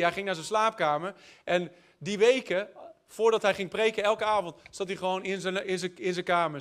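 Male preacher, high voice, sermon full of anecdotes and quips. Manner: storytelling, jokey asides, repeats words when searching.

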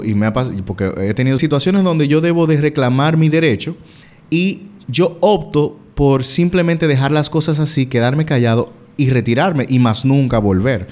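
A man earnestly telling a personal story in casual conversation, reflecting on his fears. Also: medium pitch. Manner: earnest, self-reflective, animated retelling. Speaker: guest sharing a personal story.

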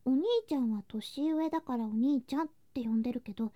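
A woman plays a doting younger girl cousin in a Japanese ASMR situation drama, talking fast in a voice that sits high. Her delivery is sweet, affectionate, cutesy, and clingy, with soft hints of whisper.

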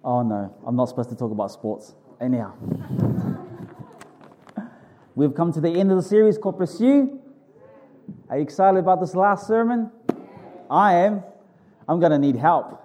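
A male preacher with a soft, mellow voice pitched a little high. He delivers his sermon conversationally, speaking informally to the congregation and repeating phrases to drive them home. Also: lively intonation, normal speed, long pauses, slight background noise. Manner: informal, conversational, with emphatic repetition.

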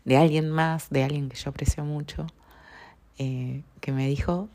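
A woman with a Rioplatense Spanish accent hosting a reflective spiritual podcast, speaking calmly and often checking in with her listeners. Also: low voice. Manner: calm, unhurried, often seeks agreement with tag questions. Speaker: podcast host.

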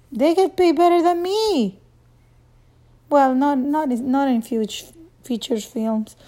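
A woman in her thirties from El Salvador, a Spanish native speaker with a Salvadoran accent, doing a stand-up monologue with halting restarts and chuckles between phrases. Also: on the high side, a little mellow. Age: 30s. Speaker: actress.

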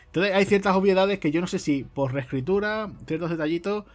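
Fast-talking man, animated film chat. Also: high voice. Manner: animated, acts out film lines in quick impressions. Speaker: podcast co-host. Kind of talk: casual film discussion.

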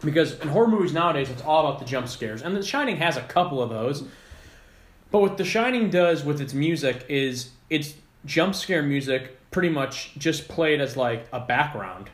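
A man's voice: on the high side, lively intonation, normal speed. A man co-hosting a casual podcast, talking in an enthusiastic, rambling, jokey way. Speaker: podcast co-host. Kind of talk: casual chat. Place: apartment room. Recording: echoey room.

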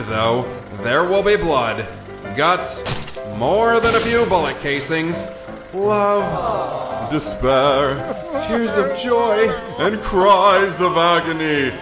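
A man reading a scripted podcast introduction in a theatrical, portentous way. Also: a little high. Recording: roomy echo under music.

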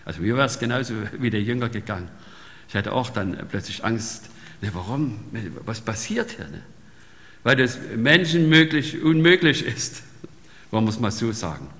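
Man, preacher, conversational sermon, bright tone, long hall echo. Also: mid-range voice, animated, normal speed. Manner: conversational, often tags sentences with "ne?". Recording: long reverb in a large hall.

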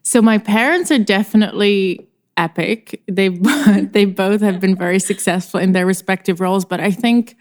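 A woman's voice: mid-range voice, moderate pace, a little mellow. A woman entrepreneur from the former Soviet Union, answering podcast interview questions in a thoughtful way, often restarting her phrases. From former Soviet Union, Czech. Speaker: entrepreneur guest.

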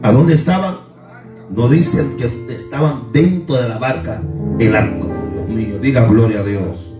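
A man preaching as pastor, leading call-and-response and breaking into shouted, sung lines. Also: mid-range voice, unhurried. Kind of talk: sermon. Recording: echoey room from far off, music behind.

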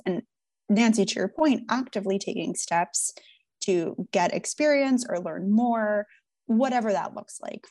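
A woman's voice: medium pitch, gravelly, a little mellow. A woman with a mid-range voice speaks as a panelist. She gives thoughtful, earnest advice in an easy conversational style. The sound is dry, with no room echo.

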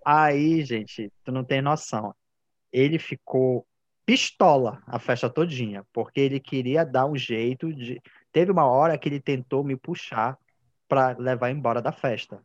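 A man chatting on a podcast, telling a story animatedly and jumping into high excited tones. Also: moderate pace, dry recording, highs cut off. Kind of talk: casual storytelling chat.

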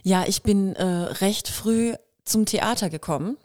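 A woman from Kirrlach near Waghäusel, Germany, an actress and singer, speaks a bit slowly in a medium-pitched voice. As a guest in a casual podcast interview she tells stories in a lively way, with light touches of Kurpfalz dialect, imitating dialect sounds.

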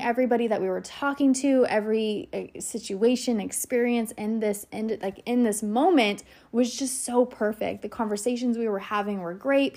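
A woman with a somewhat high voice tells her viewers a story in a casual vlog. She talks in a chatty, quick way, full of fillers and asides, and speaks to the audience directly. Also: a little mellow. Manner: chatty, fast, with many "like" and "you know" fillers. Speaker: salon worker.

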